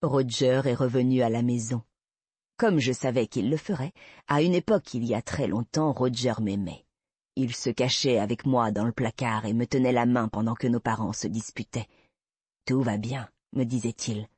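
A man voicing an obsessive, creepy man who slowly confesses to a kidnapping, in a soft, unsettling manner. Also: medium pitch, slightly rough, dry recording, lightly acted. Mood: cold recounting. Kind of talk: audiobook reading.

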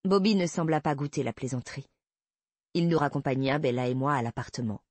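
A woman narrating a first-person novel, measured and soft at the ends of phrases. Her voice is slightly breathy and the recording is dry and close. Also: extremely low pitch, no room sound. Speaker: audiobook narrator.

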